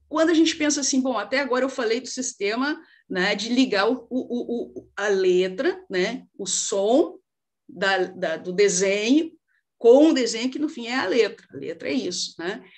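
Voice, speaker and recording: Brazilian woman lecturing, fairly high voice. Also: lively intonation, normal speed. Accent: Brazilian Portuguese. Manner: conversational, many fillers and rhetorical questions. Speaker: lecturer on literacy and child development. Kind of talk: informal lecture presentation.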